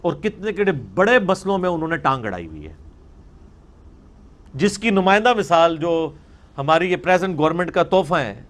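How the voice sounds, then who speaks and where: A man giving a religious lecture, arguing and mocking his opponents' views. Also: a little high. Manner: mocking, argumentative, mimics opponents.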